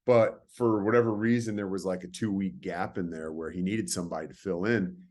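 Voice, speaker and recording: A man's voice: deep voice, fairly even intonation, brisk, a little mellow. A man in his forties from California, a podcast guest telling stories in a rambling, casual way with hesitant restarts. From California, USA. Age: 40s. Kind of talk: casual storytelling.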